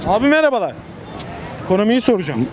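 A man's voice: high-pitched, sing-song, quick pace. A man doing informal street interviews in speech, probing with short questions outdoors. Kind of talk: vox pop street interview. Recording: busy street with crowd and traffic noise.

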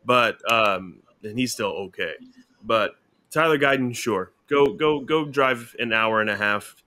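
Man, bright forceful voice, rambling casual sports talk, co-host. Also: mid-range voice, unhurried. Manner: relaxed, rambling with fillers and restarts. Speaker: podcast co-host.

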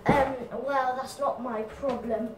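A woman's voice: high voice, fairly even intonation, takes it slowly, recorded from a distance, background noise. A woman answering fan questions in a casual vlog, giggly and apologetic, with lots of ums. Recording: echoey room, from off mic.

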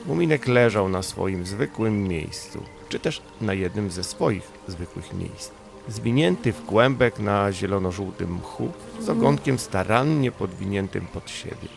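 An audiobook narrator reads a bedtime story in an expressive, unhurried manner. His voice is fairly low with a distinct creaky grain, and music plays clearly underneath.

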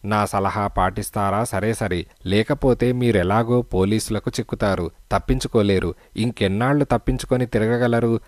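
A man reading the part of a calm, shrewd male detective in an audiobook, speaking firmly and persuasively. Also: fairly low pitch, moderate pace, no echo, clean studio sound, natural voice. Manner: firm, persuasive.

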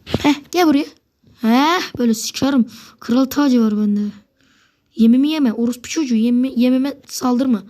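A woman with a high-sitting voice commentates live gameplay at a moderate pace. She's excitable and swears a lot, getting worked up and talking to her opponents, and sometimes she drops to a whisper.

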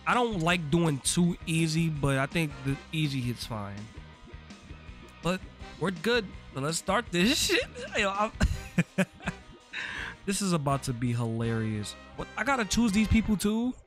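A man's voice: on the high side, measured pace, faint music behind. A man giving casual, slang-filled commentary while playing a video game, swearing freely. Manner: laid-back, slangy, swears freely, gets excited. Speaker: gaming YouTuber.

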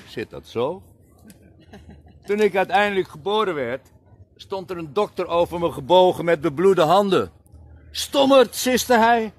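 A man reciting poetry at a reading circle, theatrical, swinging between loud declaiming and soft asides. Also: sits high. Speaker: poetry reader.

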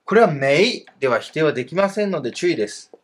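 A husky-voiced man walks through a grammar lesson with a lively, rising and falling delivery. He explains each point patiently and fills the gaps with casual fillers. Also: fairly high pitch, fast talker. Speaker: teacher of Chinese.

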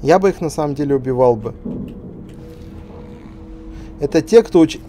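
A man's voice: on the high side, normal speed, warm tone. A man giving casual commentary as he plays a video game. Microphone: voice-over over game audio. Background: game music.

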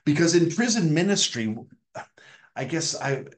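A man's voice: fairly high pitch, big pitch swings, unhurried. A middle-aged man preaching earnestly over a video call from a room at home, repeating key words for emphasis. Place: home room with tall glazed bookcase. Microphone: webcam on a video call. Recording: echoey room.

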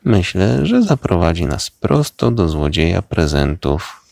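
A man's voice: low-pitched, sing-song, measured pace, creaky, a little mellow, slight background noise, exaggerated voice. Velma, a clever bookish girl detective, read by a man. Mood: thoughtful. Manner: thoughtful, reasoning. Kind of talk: storybook reading aloud.

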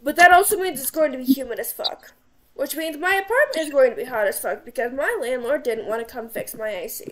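High-voiced woman swearing through a game. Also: animated, fast, fairly bright tone. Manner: swears freely, jokey, self-mocking. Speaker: gamer. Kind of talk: casual gaming chat. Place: home apartment. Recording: background noise with mouse clicks.

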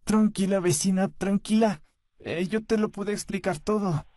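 A performer voicing a gentle, soft-spoken male puppet in a fan dub, talking in a slow, soothing way. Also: mid-range voice, no echo, studio quality, natural voice.

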